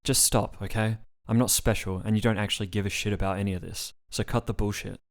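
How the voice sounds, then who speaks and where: A man's voice: lowish voice, fairly even intonation, quick pace, vocal fry. Man reading as a furious sarcastic young woman. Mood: angry. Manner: sarcastic, swearing tirade.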